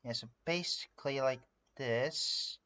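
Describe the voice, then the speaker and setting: A man's voice: mid-range voice, a little slow, sharp tone, clear, resonant tone, muffled recording. A man from France, a native French speaker, chatting casually on a livestream as he works on a drawing, rambling with lots of fillers and narrating what he does. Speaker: streamer. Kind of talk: casual live-stream chat while drawing.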